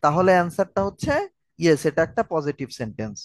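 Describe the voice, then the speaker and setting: A man's voice: on the high side, lively intonation, fast talker, no echo, poor audio. A man giving an online grammar lecture, explaining step by step and answering viewer questions. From Bangladesh. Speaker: grammar tutor.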